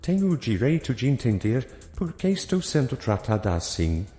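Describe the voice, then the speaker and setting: A man voicing a composed, polite woman in her thirties who asks questions quietly and stays calm. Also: mid-range voice, normal speed, natural voice. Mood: firm. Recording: echoey, with faint background music.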